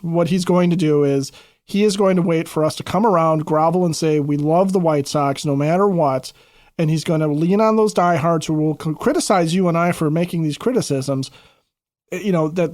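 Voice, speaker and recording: A man's voice: on the high side, darkish tone, no room sound, clean studio sound. A man co-hosting a sports podcast, joking wryly as he tells his points. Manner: wry, joking storyteller. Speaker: podcast co-host. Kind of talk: casual sports podcast chat.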